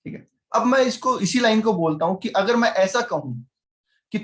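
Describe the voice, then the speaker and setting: A man's voice: high voice, animated, moderate pace. A male teacher giving a chatty lecture, teasing his students and constantly quizzing them. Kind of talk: classroom lecture.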